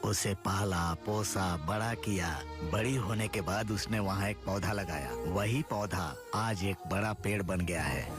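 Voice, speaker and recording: A man speaking dubbed film dialogue, calmly recounting how he raised a girl. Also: on the low side. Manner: calm storytelling. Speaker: father figure narrating the past. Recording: film soundtrack with music behind.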